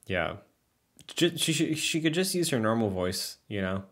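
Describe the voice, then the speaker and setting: Low-voiced man chatting wryly. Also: very animated, normal speed, fairly bright tone. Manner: chatty and wry, often laughing. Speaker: podcast co-host. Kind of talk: casual chat.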